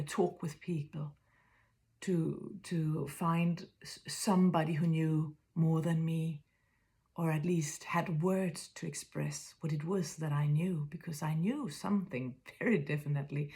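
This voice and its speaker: A Danish woman in her fifties, low-voiced with fairly even intonation and a Danish accent, muses in a spiritual monologue. She speaks gently, often whispering, and pauses as she searches for words.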